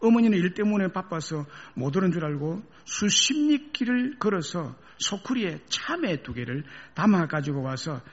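A male pastor preaching a sermon through a story, with emotional, dramatic swings between loud and hushed delivery. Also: sits high, big pitch swings, normal speed, hardly any pauses, dull audio.

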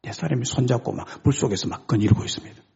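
A male pastor preaching a sermon, retelling a story in an animated, conversational way with a raspy voice. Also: medium pitch, fast talker, lo-fi sound.

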